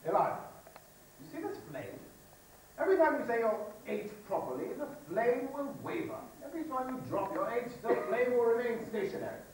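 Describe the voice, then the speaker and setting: A stage actor playing an impatient, pompous phonetics professor, lecturing briskly and exasperatedly. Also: medium pitch, sing-song, natural voice. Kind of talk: amateur stage musical acting. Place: theater stage. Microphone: audience recording from far off. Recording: echoey theater hall, distant mic.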